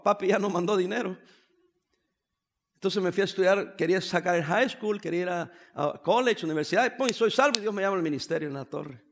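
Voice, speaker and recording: A man in his fifties delivers a sermon from the pulpit in a high voice. He preaches in an animated, joking way and drops English phrases into his talk. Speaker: pastor.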